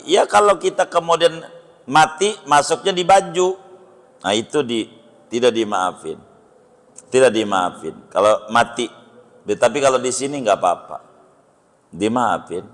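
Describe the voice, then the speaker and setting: A man teaching a religious lesson as a kiai, speaking with a Betawi Indonesian accent in a slow, folksy way, often asking his listeners rhetorical questions. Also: a little high, in a large hall. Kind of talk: mosque religious study lesson. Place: mosque hall.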